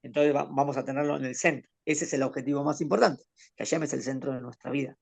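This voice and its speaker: A man's voice: medium pitch, fairly even intonation, fast talker, gravelly, a little mellow. A rabbi teaching a Torah class to a student, explaining patiently and posing questions as he goes. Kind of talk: conversational Torah lesson with a student.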